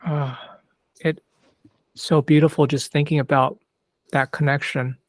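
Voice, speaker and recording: A man's voice: on the high side, flat delivery, unhurried, no room sound, studio quality. A man hosting a podcast interview, chatting conversationally and agreeing with his guest. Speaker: podcast host.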